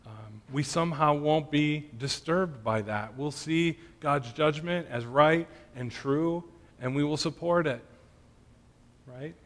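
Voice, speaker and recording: A man's voice: a little high, takes it slowly, fairly bright tone. A man giving an earnest sermon that answers questions, often checking in with his listeners. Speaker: pastor. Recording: long hall reverb.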